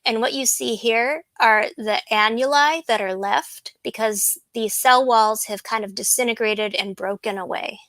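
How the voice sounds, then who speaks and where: A woman botanist talks through her slides at an easy pace, often pausing with an um or starting a sentence over. Her voice sits a little high. The recording is dry and close, with no room sound. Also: a bit bright, no echo, low-quality recording. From USA. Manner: unhurried, with frequent ums and restarts. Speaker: botanist giving a presentation. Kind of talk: slide lecture, casual.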